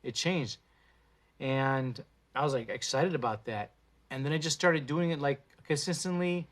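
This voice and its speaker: A man hosting a casual livestream, talking in a profane, slangy and animated way into a phone. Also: mid-range voice, a little slow. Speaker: livestream host.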